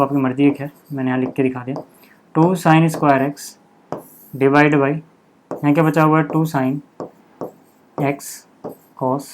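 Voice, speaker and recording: A man teaching a maths lesson step by step, checking in constantly with "okay" and repeating the key steps slowly. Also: on the high side, a little mellow, a little hiss or hum.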